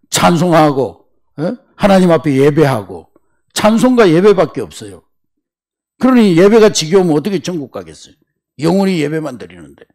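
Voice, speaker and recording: A man preaching a sermon as pastor in a church, animated and storytelling, acting out voices in quoted asides. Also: a little high, gravelly. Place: church sanctuary.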